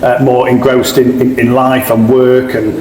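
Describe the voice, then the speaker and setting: Middle-aged Sheffield man, podcast guest, halting restarts, long room echo. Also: mid-range voice, little pitch movement, a little mellow, a little hiss or hum. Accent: Sheffield English. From England. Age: 40s. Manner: frequent restarts and repeated words. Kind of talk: casual interview. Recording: echoey room with faint ambience.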